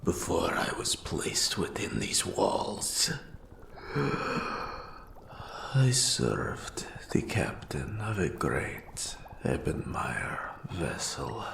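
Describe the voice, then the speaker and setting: This male voice delivers a very deep, gravelly whisper as a patient, formal, melancholy mentor in forbidden magic, an eldritch and nameless old custodian of an archive, in a scripted roleplay audio drama. The full character voice is very animated and a bit bright, yet the phrasing stays slow, deliberate, formal and ominous, with a measured, mysterious mood. The sound is reverberant.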